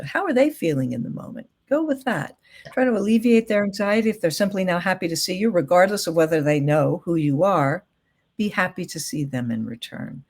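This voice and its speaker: Woman, guest expert, casual interview, gentle, thoughtful, filler words. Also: on the low side.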